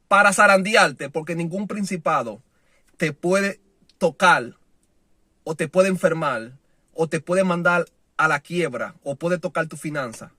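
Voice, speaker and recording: A man preaching a sermon with passion, moving between loud declarations and soft, low lines, and acting out the voices of people he quotes. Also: no echo, clean studio sound.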